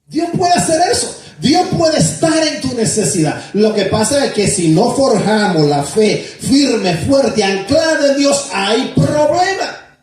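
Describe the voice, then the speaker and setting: A male pastor preaching a sermon in a church, emphatic and repetitive, with sudden shouts. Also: extremely high pitch, very animated, slow, very echoey, far from the mic, soft background music.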